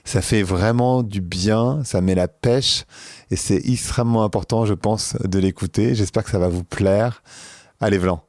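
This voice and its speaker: Low-voiced man hosting, dry sound. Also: fairly even intonation, unhurried, a little mellow, dry recording. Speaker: podcast host. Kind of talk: conversational introduction and interview.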